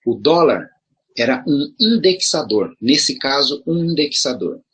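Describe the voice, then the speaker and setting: Very husky middle-aged Brazilian man. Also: medium pitch, very animated, measured pace, a bit bright. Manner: conversational, rhetorical questions, frequent restarts. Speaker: video commentator addressing promoters. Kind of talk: casual explanatory monologue.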